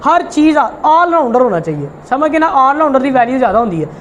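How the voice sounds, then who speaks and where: Fast, high-voiced teacher, emphatic. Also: male voice, very animated, a little hiss or hum. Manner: emphatic, repetitive, coaxing students directly. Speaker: shorthand teacher. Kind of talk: informal tutorial talk.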